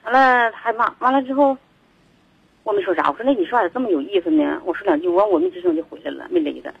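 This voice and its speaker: Agitated rambling caller on a muffled line. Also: male voice, very high voice, very animated, fast talker, vocal fry, breathy edge, no room sound. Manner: rambling, agitated, repeats himself. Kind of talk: phone call to radio show.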